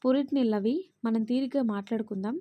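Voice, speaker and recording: A woman's voice: a little high, fast, dark tone, no echo, natural voice. A woman voicing a caring young husband in a storybook reading, soothing and reassuring. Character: caring young husband, teasing yet steady.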